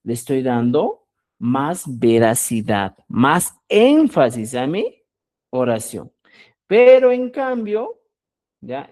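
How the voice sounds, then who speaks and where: Animated teacher quizzing the class. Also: medium pitch. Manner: asks the class rhetorical questions and answers them; stretches out key words for emphasis. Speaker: Quechua teacher. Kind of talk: live online language lesson.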